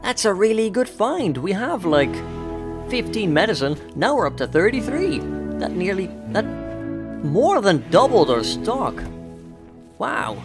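A young let's play host commentates on his gameplay in a chatty, upbeat way, thinking aloud as he goes, over background game music. His voice is high-pitched with big pitch swings and a slightly slow pace.

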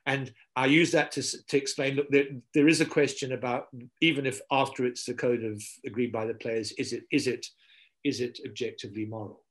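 Here the older philosopher talks briskly, his pitch sitting in the middle range, during a casual video interview from a home study. The laptop mic catches his animated storytelling and the way he repeats words mid-thought.

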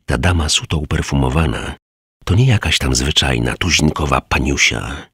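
A man's voice: extremely low pitch, normal speed, bright, forceful tone, slightly rough, no echo, studio quality, heavily acted. A man voicing a shrewd, sly old beggar who sits on the steps of a church, in a spoken storybook.

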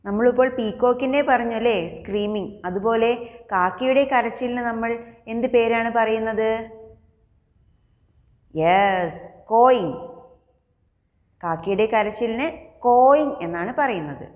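A woman with a Malayali accent teaching young children English, speaking slowly and repeating each new word. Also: on the high side, darkish tone, long reverb tail, dull audio. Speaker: primary school English teacher. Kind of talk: slow classroom lesson for young children.

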